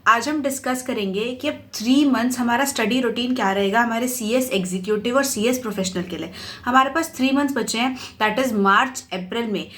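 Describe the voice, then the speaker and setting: A woman's voice: fairly high pitch, a little fast, a bit bright. A young woman giving casual study advice to exam students, chatty and reassuring, often checking that listeners follow along and slipping English words into her speech. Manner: mixes English words into Hindi. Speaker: exam mentor for company secretary students.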